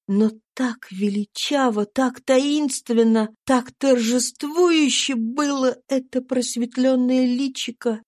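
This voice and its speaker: A woman reading a classic novel aloud as an audiobook narrator, in a slow, solemn, deliberate way. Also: fairly high pitch, dark tone, no room sound, clean studio sound. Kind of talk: scripted literary narration.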